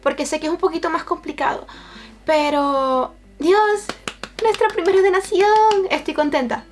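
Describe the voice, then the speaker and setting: A Venezuelan woman in her twenties, a streamer and YouTuber, chats casually to camera while reacting to memes and streams from a small bedroom with shelves. Her voice is high and moderately paced, picked up by a camera-mounted shotgun mic with slight background noise.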